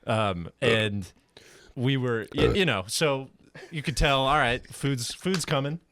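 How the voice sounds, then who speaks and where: A man's voice: mid-range voice, takes it slowly, a bit bright, no echo. A young man co-hosting a podcast, telling a story in a teasing, laughing way with lots of restarts. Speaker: podcast co-host. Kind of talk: casual chat. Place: podcast studio.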